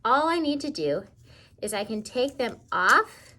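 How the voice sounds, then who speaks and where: A woman with a highish, sing-song voice and a sharp tone leads a step-by-step craft demonstration for children at home indoors. Teacher-style, she speaks very slowly and simply, directing her talk at kids and checking in with questions frequently.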